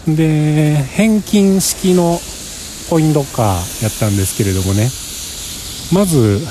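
A man's voice: on the high side, noisy background. A man with a Kansai accent, chatting in a rambling, self-mocking way for a casual travel diary while walking outdoors across a parking lot. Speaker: travel vlogger.

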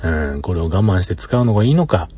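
A man's voice: deep voice, sing-song, fast, dark tone, slightly rough. A man with a Kansai accent rambling in an easygoing way in a casual solo monologue, often chuckling, recorded inside a parked car. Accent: Kansai Japanese. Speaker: solo podcaster.

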